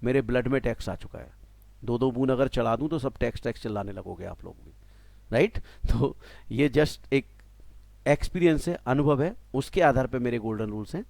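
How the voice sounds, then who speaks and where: A man in his forties with an Indian accent, giving a tax lecture to a class, animated and mixing in English terms while checking that students follow. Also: medium pitch, normal speed, dry recording. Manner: animated, mixes Hindi and English, asks students "clear?". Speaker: tax teacher.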